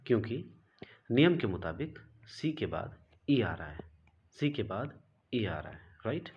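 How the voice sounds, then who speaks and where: A man teaching English pronunciation in an online lesson, mixing Hindi and English and slowing right down to spell out and stress each sound. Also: lowish voice, sing-song, muffled recording, a little hiss or hum.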